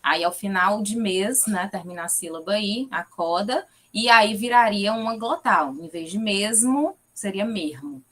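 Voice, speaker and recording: A woman with a Fortaleza accent delivers an academic research talk over a video call. Her tone is explanatory and patient, and she checks in with her listeners after nearly every point. Her voice sits at an ordinary middle pitch for a woman. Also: measured pace, hardly any pauses, fairly bright tone. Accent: Fortaleza, Ceará. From Fortaleza, Brazil. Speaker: guest lecturer, linguistics researcher.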